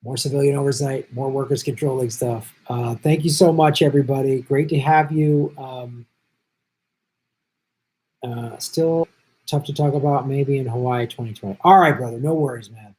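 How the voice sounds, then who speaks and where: Rough recording of a middle-aged livestream host whose mid-range voice has a darkish tone. Jet-lagged and losing his voice, he chats casually through viewer comments, thanking people by name and making quick asides.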